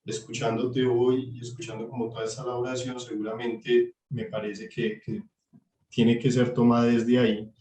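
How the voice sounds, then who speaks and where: A man with a Colombian Spanish accent contributes to an online class in an earnest, measured tone. His delivery is flat and even. He sounds roomy and set back from the mic, as on a distant video call. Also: mid-range voice, a little hiss or hum. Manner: earnest, measured, citing readings. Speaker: student participant.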